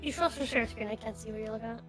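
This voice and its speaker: High bright woman with a doubled echo. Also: very fast, faint music behind. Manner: chatty, troubleshooting tech with lots of fillers. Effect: echo from her voice playing back through a second device. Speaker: guest co-host on a stream. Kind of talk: casual livestream chat over a call. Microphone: online voice call.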